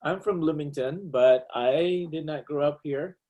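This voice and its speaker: A man talking about his family on a video call, hesitant and pausing often. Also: on the high side, warm tone, poor audio. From Philippines. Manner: hesitant, with frequent "uh" pauses. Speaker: meeting participant. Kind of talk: casual personal sharing.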